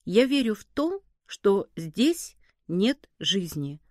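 A woman voicing a brooding, anguished young boy in a story reading, slow and pondering. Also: a little high, animated, darkish tone, dry recording, clean studio sound. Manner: slow, pondering, then crying out.

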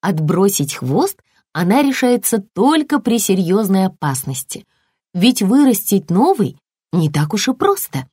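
Brief: woman storyteller, animated, dry close sound. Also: mid-range voice, unhurried, husky, dry recording. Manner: expressive, animated. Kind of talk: children's story reading.

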